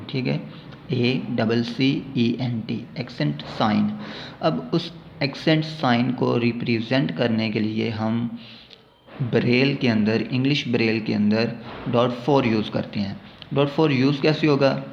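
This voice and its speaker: A man with a Pakistani Urdu accent teaching a braille lesson, explaining step by step and often checking in with a quick "okay". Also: mid-range voice, vocal fry. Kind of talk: spoken lesson. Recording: dull lo-fi recording with faint noise.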